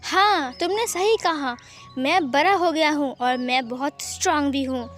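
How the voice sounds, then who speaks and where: A woman's voice: high voice, unhurried, a bit bright, faint music behind. A woman voicing a grown man who talks and whines like a five-year-old boy, in a fan fiction reading. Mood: childish. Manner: whiny, sobbing over a broken toy.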